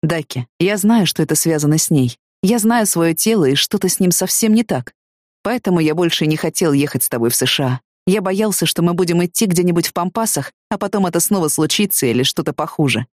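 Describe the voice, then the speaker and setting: A woman reading a quiet, calm young man. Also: on the low side, no echo, studio quality, lightly acted. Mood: calm grave. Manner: quiet, matter-of-fact, unhurried.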